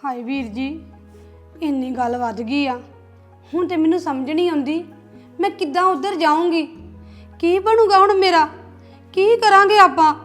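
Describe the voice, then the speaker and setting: An actress playing a young married woman in a family drama, tearful and pleading, over soft background music. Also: very high-pitched, moderate pace, long pauses. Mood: distressed. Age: young adult.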